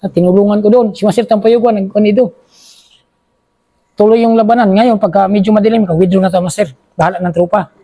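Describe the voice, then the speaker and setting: A man's voice: high voice, steady tone, fast, mellow, dry recording. A man tells a war story to an interviewer, calling the listener sir after nearly every phrase and acting out the dialogue. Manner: acts out quoted dialogue in his telling. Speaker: former soldier telling a war story.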